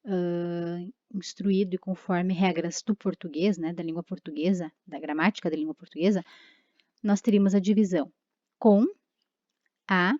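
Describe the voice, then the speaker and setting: A woman's voice: medium pitch, mellow, no echo, dull audio. A woman teacher giving a recorded lesson, explaining step by step with frequent tag questions and fillers.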